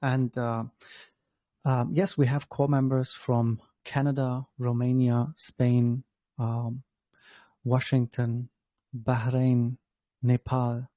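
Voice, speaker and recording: A man in his thirties who grew up in Germany, introducing himself as a founder in a halting way, with many fillers and restarts. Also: mid-range voice, flat delivery, warm tone, dry recording. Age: 30s. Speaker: guest, startup founder. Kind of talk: casual spoken self-introduction.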